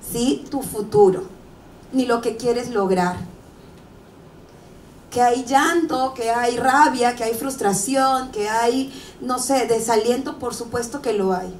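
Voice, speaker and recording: Lively woman speaking in an echoey hall. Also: a little high, a little hiss or hum. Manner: lively, conversational, asks rhetorical questions and jokes with the audience. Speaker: motivational speaker. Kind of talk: motivational talk to university students. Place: large hall or auditorium. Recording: echoey hall, mic far off.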